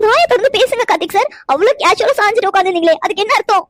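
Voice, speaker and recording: A woman's voice: very high voice, expressive, racing, no echo, studio quality. A woman voicing a young cartoon woman who is hurt and angry with her lover, pressing him with accusing questions. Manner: accusing, tearful, insistent questions. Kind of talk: cartoon voice acting.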